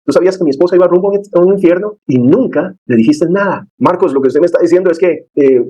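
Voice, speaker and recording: Brief: raised-voice new believer, gushing then accusing, as a teacher puts him on. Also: male voice, sits high, fast talker, voice pushed up, low-quality recording. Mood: indignant. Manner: excited, pleading then indignant. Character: newly converted businessman, overjoyed then betrayed.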